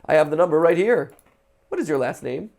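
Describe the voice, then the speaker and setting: Brief: man doing a suspicious old neighbor for a game, prim, polite and slow, gravelly. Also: on the high side, expressive, a little mellow. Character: suspicious elderly male neighbor, prim and nosy.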